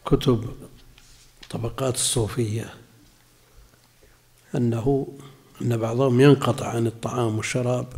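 A man's voice: mid-range voice, a little mellow. A man, a religious scholar, comments on a text in a class, talking conversationally and asking rhetorical questions. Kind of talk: lecture commentary on a read text.

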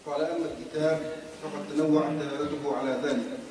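A man's voice: on the high side, fast. Distant man reading in a hall. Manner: steady, even recitation. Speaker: student reading the text. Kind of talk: reading a text aloud. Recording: far off in an echoey hall with a crowd.

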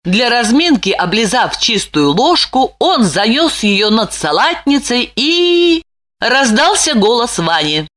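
Lively woman narrating a comic story. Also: a little high, slow. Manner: expressive, lively. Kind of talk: audiobook narration.

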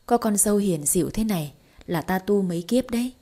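A woman's voice: mid-range voice, lively intonation, brisk, mellow. A woman voicing a blunt older mother who coaxes and encourages a young woman. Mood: coaxing.

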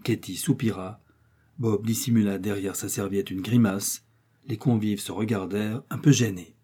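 Man reading a novel out loud, mellow husky voice, measured storytelling. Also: on the low side, steady tone. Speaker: narrator. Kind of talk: audiobook reading.

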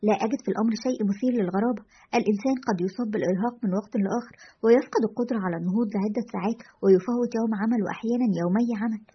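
A woman with a slightly rough, fairly high voice speaks rapid-fire as she plays an anxious male caller to a radio show. Shaken by strange events, he recounts them in an uneasy, confessional storytelling style. The audio is lo-fi and dull.

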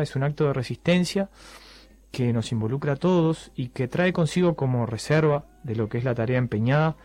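A man reading a prepared radio segment in a measured, solemn way. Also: medium pitch, a little mellow, no room sound. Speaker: presenter.

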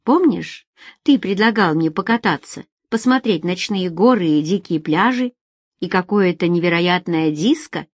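A calm, mysterious grown woman, as a woman reader plays her, soft-spoken and quietly playful. The reading is dry and close, with a fairly low voice. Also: moderate pace, no room sound. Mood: hesitant.

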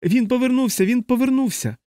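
A terrified soldier screaming at the top of his lungs in an audiobook scene, as a male narrator puts him on, his voice pushed far up high. The tone stays dark and mellow even as he shrieks, and the sound is dry and close. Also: fast, no room sound. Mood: shrieking panic.

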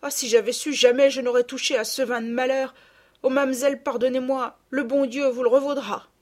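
A woman's voice: high-pitched, fairly even intonation, a little fast, voice pushed up, natural voice. A woman voicing a remorseful peasant girl who speaks in a tearful, contrite way in an audiobook. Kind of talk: audiobook character reading.

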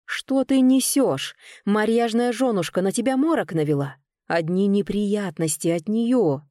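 A woman's voice: measured pace, warm tone, dry recording, clean studio sound, lightly acted. A woman voicing a spoiled, petty young nobleman who whines and shrieks in protest. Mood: whining. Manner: whining and shrill. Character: spoiled, petty, whiny young male cousin.

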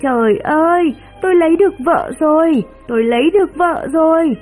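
Flustered young guy begging his girl, woman reading it, high-ish voice. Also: expressive, a little slow, darkish tone, breathy edge, soft background music. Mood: eager. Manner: flustered, pleading. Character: young man, clumsy, eager fiancé.

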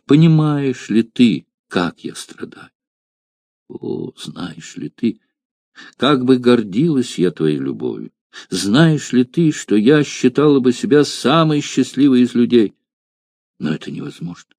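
A man voicing a trembling, sorrowful young woman in an audiobook, speaking in hushed, broken phrases. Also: mid-range voice, sing-song, a little slow, no echo. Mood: grieving. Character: anguished young woman, gladiator's sister.

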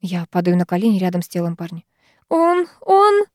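A woman's voice: fairly low pitch, level tone, racing, mellow, dry recording, studio quality. A woman narrating first-person fiction as an audiobook, dramatic and emotive.

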